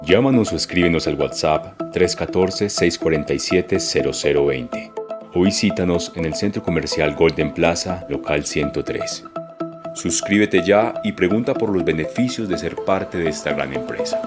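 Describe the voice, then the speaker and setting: Brief: male commercial voice-over, low pitch, scripted advert read, loud music bed underneath. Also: moderate pace.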